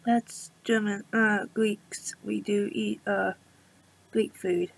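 A woman chatting casually to her viewers, giggling often and drifting into soft whispers. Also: medium pitch, little pitch movement, slow pace, gravelly, slight background noise, rough recording. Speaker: vlogger. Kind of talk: casual rambling chat to camera.

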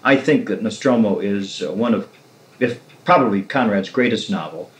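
A man's voice: on the low side, normal speed, roomy sound. A man interviewing an author, musing at length about novels, heard on an old 1969 tape recording. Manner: reflective, long winding literary remarks. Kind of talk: conversational discussion.

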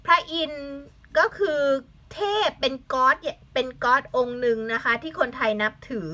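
A young woman teaches children, her voice bright and a little high. She spells each word letter by letter, patiently asks the class for answers, and slips in short English glosses. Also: moderate pace. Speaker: Thai language teacher. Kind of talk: online language lesson for children.

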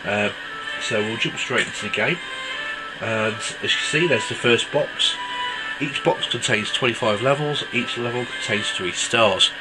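A man with a medium-pitched voice and a measured pace reviews a mobile game casually, congested from a cold and rambling with plenty of ums. He's an app reviewer, and the poor-quality audio has loud game music playing behind him.

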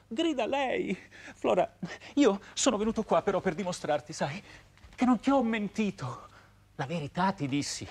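A man's voice: fairly high pitch, husky. An actor playing a desperate, lovesick middle-aged man, pleading and overwrought, in a stage play recording. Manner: pleading, overwrought, swings loud to soft.

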